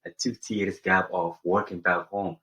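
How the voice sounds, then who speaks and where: Low-voiced young man from Somaliland. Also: steady tone, normal speed, sharp tone, low-quality recording. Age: young adult. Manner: earnest, searching for words with frequent fillers. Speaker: guest, college senior. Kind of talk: casual interview answers.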